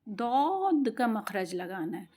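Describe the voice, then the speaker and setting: Woman, fairly high voice, patient teacher, slow drawn-out demonstration sounds. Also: big pitch swings, dark tone. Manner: patient, explains step by step with repetitions; stretches out demonstration sounds slowly. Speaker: Quran recitation teacher. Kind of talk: spoken lesson.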